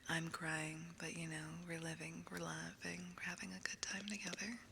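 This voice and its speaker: A woman whispering softly into the listener's ear as an ASMR livestream host, chatting casually on a close binaural microphone. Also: low voice, fairly even intonation, moderate pace, creaky, background noise. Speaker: livestream host, ASMR content creator and voice actor.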